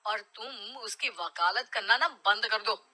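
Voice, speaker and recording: A woman's voice: medium pitch, slow, pushed and bright, heavily acted, low-quality recording. A woman voicing a grown husband and father who grumbles and makes demands. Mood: grumbling.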